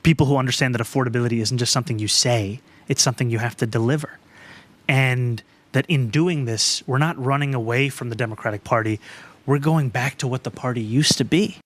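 Male politician, mid-pitched, measured and earnest. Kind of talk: speech clip.

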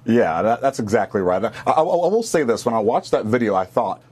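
A male voice with a husky edge and a mid-range pitch. He pushes his argument forcefully, stacking repeated phrases for emphasis, as a guest on a news panel. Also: sing-song, a little fast. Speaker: panel guest, former army officer. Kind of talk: political commentary.

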